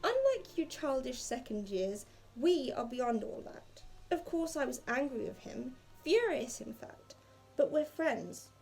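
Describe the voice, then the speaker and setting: A woman voices a defiant teenage schoolgirl who answers coldly and firmly. The voice is on the high side with a gravelly edge, and soft music runs behind it. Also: big pitch swings, measured pace, full character voice. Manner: cold, firm retorts.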